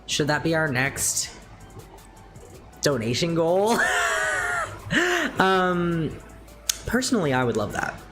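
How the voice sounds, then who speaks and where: Rambling, animated young woman streamer. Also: takes it slowly, pauses often, loud music behind the voice. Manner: rambling, filler-heavy, swears casually; animated, wide pitch swings. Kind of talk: casual livestream chat.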